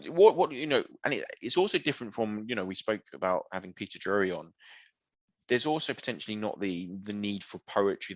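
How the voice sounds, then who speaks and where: A man's voice: deep voice, gravelly, no echo, lo-fi sound. A young man hosting a football podcast, chatting enthusiastically. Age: young adult. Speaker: podcast host. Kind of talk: casual podcast chat.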